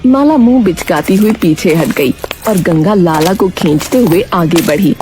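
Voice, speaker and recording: A woman telling a cartoon story in dramatic, expressive scripted narration. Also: on the low side, a little slow. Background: background music.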